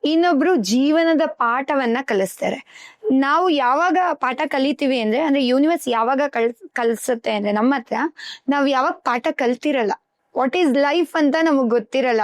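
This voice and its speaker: A woman's voice: high voice, normal speed, no room sound. A woman guest on a podcast, a life coach who explains earnestly with everyday examples. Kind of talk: podcast interview.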